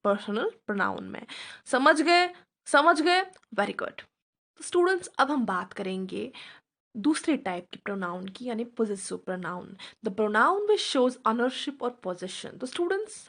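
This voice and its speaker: A woman teaching a grammar lesson, coaxing her students and often checking that they understand, reading definitions slowly. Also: fairly high pitch, creaky, fairly bright tone. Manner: reads English definitions slowly. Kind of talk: classroom grammar lecture.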